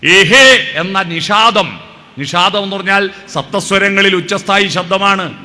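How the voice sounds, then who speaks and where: High-pitched, pushed, and bright, the man speaks a little slowly in a Kerala Malayalam accent. His devotional talk mixes storytelling with rhetorical questions and short sung verses of hymns, in the manner of a spiritual speaker.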